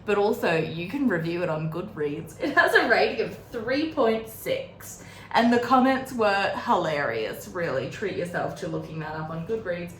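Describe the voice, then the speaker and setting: A young woman chats through a novel recap for her book readalong as she applies makeup, giggling and leaning heavily on fillers. She speaks animatedly at normal speed in a lowish voice, with a roomy echo and faint background noise.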